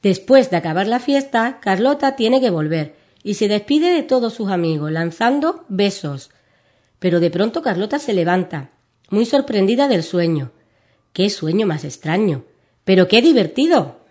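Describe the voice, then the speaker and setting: A woman, reading a children's story aloud as a radio guest, soft-spoken and lively. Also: medium pitch, normal speed.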